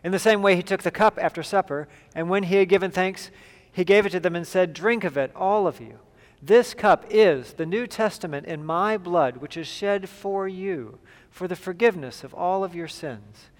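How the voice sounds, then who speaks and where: A man leading liturgical prayer as a pastor, in a solemn, measured and formal way, with a long cathedral-like echo. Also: high-pitched. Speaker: pastor leading a church service. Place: large reverberant church.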